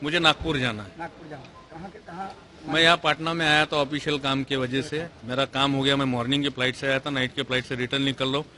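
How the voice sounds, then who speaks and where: A man's voice: mid-range voice, flat delivery, a little fast, bright, forceful tone. A man, a stranded air passenger, giving a detailed, aggrieved step-by-step account in an on-the-spot news interview outside an airport terminal.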